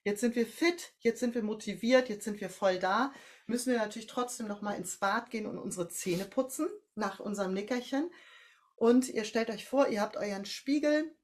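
A woman with a German accent who works as a voice coach, giving slow, calm step-by-step instructions in a breathing and posture exercise. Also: a little high.

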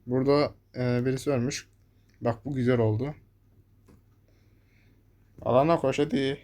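Excitable young man commenting on gameplay. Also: medium pitch, moderate pace. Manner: excitable, swearing at enemies, talking to viewers. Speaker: gameplay streamer.

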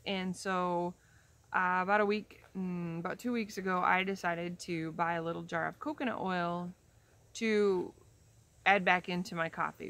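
A woman in her fifties sits in a chair in a leafy backyard, chatting casually to a camera that frames her head and shoulders from the front. Her voice is fairly low and a bit bright, and she rambles with frequent ums and restarts.

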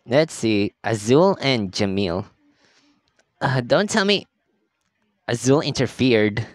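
A man's voice: mid-range voice, animated, slow pace, dry recording, studio quality. A man streaming a story game, chatting through the playthrough, reacting aloud and laughing often. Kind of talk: casual game playthrough commentary.

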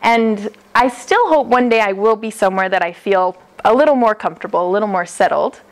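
A woman's voice: medium pitch, animated, a little fast. A young American woman telling a personal story live, chatty and laughing often, acting out the quoted lines, heard from a camera across an indoor hall. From United States. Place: classroom-style hall, indoors. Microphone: far camera.

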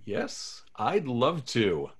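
In a comedy table read, a man plays an eager, hopelessly romantic radio host of forty-five, sounding hopeful and pleading. His exaggerated, husky mid-range voice is very slow and swings hugely in pitch.

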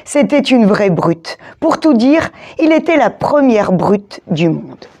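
A woman reading a children's picture book aloud, in a slow, expressive storytelling manner. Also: on the high side. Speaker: storybook reader.

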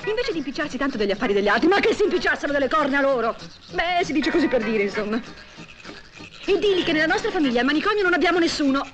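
A chatty, gossiping young wife talks to her mother in a high voice that swings up and down. She is quick to take offence. It sounds like a 1960s film soundtrack, with music clearly playing underneath. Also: animated, highs cut off. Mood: gossipy. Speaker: housewife on the phone.

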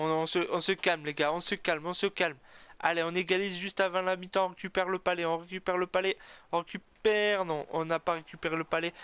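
A man's voice: high voice, smooth. A man commentating his own ice hockey video game match, cheering, groaning and correcting himself as he plays. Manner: animated, cheering and groaning, frequent "oh là là" exclamations; self-corrects and admits being an amateur. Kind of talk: excited play-by-play game commentary.

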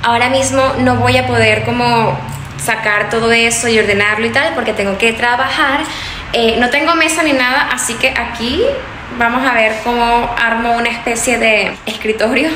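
Holding her phone at arm's length, a young woman casually vlogs her move into a bare new apartment, bubbly and laughing often. Her voice is on the high side, at normal speed with fairly even intonation. The room echoes, music plays under her and there is background noise.

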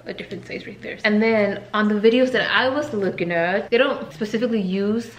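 A woman's voice: mid-range voice, fairly quick, a little hiss or hum. A woman vlogging at home in a casual, chatty way, talking straight to her viewers. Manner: chatty, addresses viewers as "you guys". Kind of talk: casual vlog chat with sponsor read. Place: home room. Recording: echoey room.

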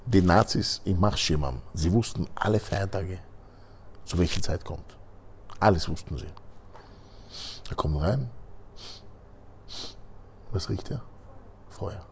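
A man's voice: sits low, slow, gravelly, pauses often, a little hiss or hum. A man preaching through a dramatic story, speaking straight to his listeners as a religious teacher. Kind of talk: storytelling sermon.

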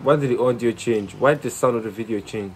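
Excitable slangy man narrating gameplay. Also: medium pitch, quick pace, heavy background noise. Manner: excitable, swearing, slangy, thinks aloud. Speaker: gamer playing a horror game. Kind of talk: casual gameplay commentary.

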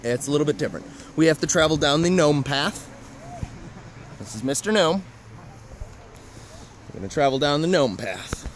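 A man's voice: on the high side, expressive, normal speed, pauses often, a little hiss or hum. A young man in his twenties giving a chatty, joking walking tour outdoors in the woods, filmed on a handheld camera at arm's length.

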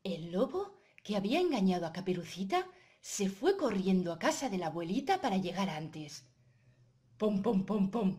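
A woman from telling a children's story with clay puppets, gentle and slow. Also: medium pitch, big pitch swings. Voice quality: gentle, slow, sing-song.

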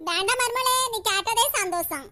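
A woman voicing a playful, scheming old mother-in-law in a comic cartoon, in a Kanyakumari Tamil accent, with a high, exaggerated voice and cackling laughs. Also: normal speed, sharp tone. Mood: sly.

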